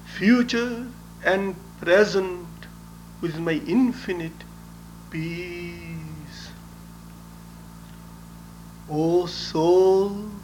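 A man with a high voice recites a devotional message at an extremely slow, drawn-out pace. He sounds like a spiritual teacher, solemn and deliberate, with every word carefully placed. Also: fairly bright tone, a little hiss or hum.

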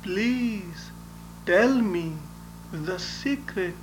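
A man speaking as a spiritual teacher, delivering a solemn, measured devotional message. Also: high-pitched, animated, noisy background. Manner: solemn, measured, deliberate recitation.

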